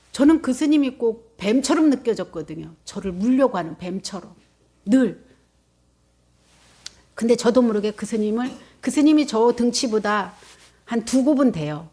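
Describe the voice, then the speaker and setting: A woman Buddhist nun giving a dharma talk, telling a personal story in a lively way, acting out quotes with gasps. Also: on the high side. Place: meditation center.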